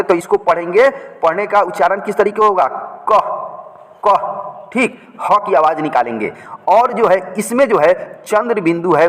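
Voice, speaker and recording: A man's voice: a little high, a bit bright. Patient man teaching letters, echoey room. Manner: patient, repeats each point slowly. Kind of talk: explaining letters at a board.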